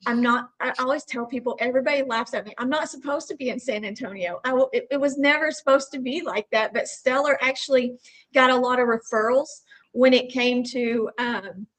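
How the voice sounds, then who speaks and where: A woman from Texas talks casually as an interview guest. She has a Texas accent with a noticeable drawl. Her voice is a little higher than average. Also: a little fast, a bit bright, low-quality recording. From Texas Panhandle, United States. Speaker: podcast guest, roofing company owner. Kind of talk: casual conversational storytelling.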